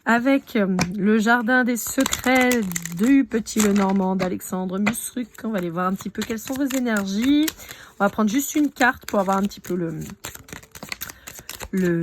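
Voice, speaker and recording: A woman's voice: a little high, moderate pace, slight background noise. A woman giving a casual live card reading, chatting directly to her viewers. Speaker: tarot card reader.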